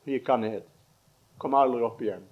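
An older man preaching a sermon, rising to loud emotional peaks and then dropping into soft, slow prayer. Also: medium pitch, phone-quality sound. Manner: builds to loud emotional climaxes, then prays softly.

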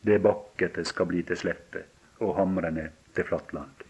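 A man preaching a sermon with a somewhat low voice. He speaks haltingly, restarting and repeating words, then lifts his voice in emphatic runs. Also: steady tone, a little mellow, husky, muffled recording.

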